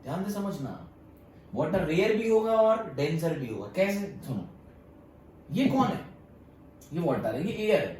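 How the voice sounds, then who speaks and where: A man lectures his class with a high, sing-song voice that rises and falls all the way through, and he often stops to ask his students if they follow. He sounds far from the mic in a strongly echoing room, with faint room noise under him. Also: very animated, unhurried, long pauses, a little mellow. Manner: mixes Hindi and English, keeps asking students "yes or no?". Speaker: physics teacher.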